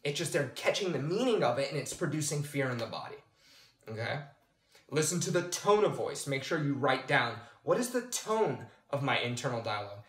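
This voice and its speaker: Talking at normal speed and medium pitch, this personal development coach teaches to the camera in a calm, explanatory way, often saying "okay?" to the viewer. The recording carries a roomy echo.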